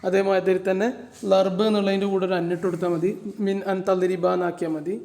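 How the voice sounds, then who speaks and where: A man teaching Arabic grammar. He reads Arabic lines slowly and then explains them in quick, chatty asides. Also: high voice, flat delivery, a little mellow, roomy sound. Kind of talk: classroom-style lesson explaining Arabic verses.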